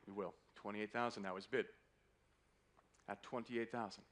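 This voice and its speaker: A man's voice: on the low side, fairly even intonation, normal speed, fairly bright tone. A man working as a fine art auctioneer, calling a live sale with polite, courteous patter that keeps repeating the bids. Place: live auction room in a hotel.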